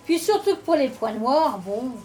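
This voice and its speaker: A woman's voice: high-pitched, very animated, moderate pace, warm tone, faint music behind. An actress playing a thrifty, no-nonsense mother in a natural radio drama style. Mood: dry, practical. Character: thrifty, no-nonsense village mother, easily exasperated.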